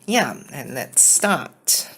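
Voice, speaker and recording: A man from China with a mixed Chinese and Singaporean English accent answers viewer questions in a casual vlog recorded on his phone. His medium-pitched voice is sharp and very animated, yet he comes across as hesitant, halting, and often apologetic. There is slight background noise.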